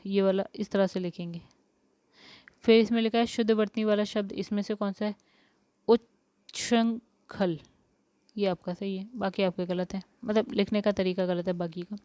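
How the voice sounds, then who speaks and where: A female teacher with a mid-range, darkish, clear and resonant voice works step by step through spelling questions for exam prep. She asks each question, then answers it herself, and the recording has no room sound.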